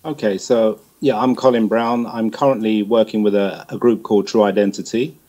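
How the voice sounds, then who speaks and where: A middle-aged man, a guest who works as a music promoter and manager, answers an interview question conversationally. His voice is on the low side and mellow, with fairly even intonation at a moderate pace. He sounds hesitant, often repeating words as he feels his way along.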